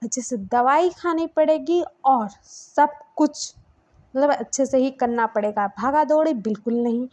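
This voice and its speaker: A woman's voice: high voice, unhurried, a little mellow. A woman reading the lines of a caring older man who firmly instructs the family, in her own voice.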